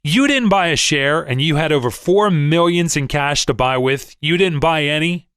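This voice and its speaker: A man reads as a small, red-faced stock trader beside himself with anger, his voice jumping high and loud. Each line comes out sputtering and accusing in a dry, close audiobook recording. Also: expressive, moderate pace, clean tone, no room sound. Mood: furious shouting. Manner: shouting, indignant, sputtering. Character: furious small middle-aged male stock trader.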